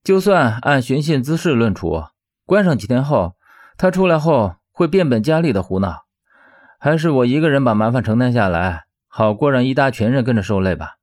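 A man's voice: medium pitch, very animated, moderate pace, darkish tone, lightly acted. A male narrator playing a weary young man who talks in a resigned, sighing way in an audiobook.

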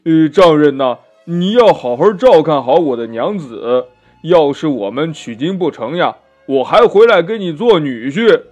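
A man's voice: a little high, lively intonation, unhurried, darkish tone. Zhu Bajie, a man doing a whiny pig demon. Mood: boastful. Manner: wheedling, whiny, full of filler grunts. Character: greedy boastful pig demon, male. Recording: dull lo-fi recording with faint music.

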